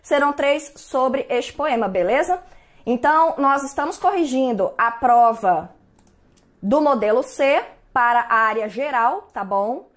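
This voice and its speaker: A woman's voice: high voice, expressive, measured pace. A woman with a Brazilian Portuguese accent, teaching an online exam-prep lesson in a chatty way and checking in often with her students. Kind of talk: online lesson, going over exam answers.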